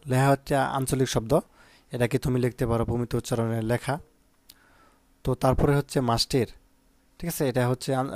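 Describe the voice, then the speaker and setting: A man's voice: medium pitch, darkish tone, dry recording. Chatty man teaching an exam lesson. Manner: asks "ঠিক আছে?" often, with many "আহ" fillers.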